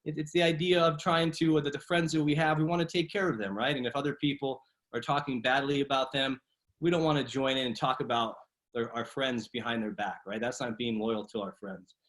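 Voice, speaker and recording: A kids' martial arts instructor runs an online video class from home, coaching and discussing in an upbeat, casual, encouraging way and frequently adding "right?". His voice is medium-pitched and fairly bright, with fairly even intonation and a slightly fast pace.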